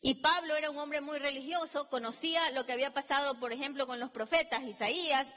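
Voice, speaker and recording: A woman's voice: sits high, fairly quick, sharp tone. A woman preacher giving an emphatic, dramatic sermon in a church hall, acting out biblical dialogue. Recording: long reverb in a large hall.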